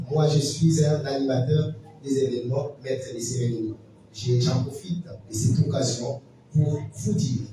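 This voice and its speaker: Dark-voiced MC in an echoey hall. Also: male voice, medium pitch, recorded from a distance. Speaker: master of ceremonies. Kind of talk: closing remarks at an event. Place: event hall.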